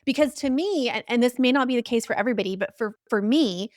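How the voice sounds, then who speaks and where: A woman's voice: on the high side, quick pace, no echo, studio quality. A young adult woman speaking as a podcast guest and coach, emphatic and repeating key phrases for effect. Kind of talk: conversational podcast interview.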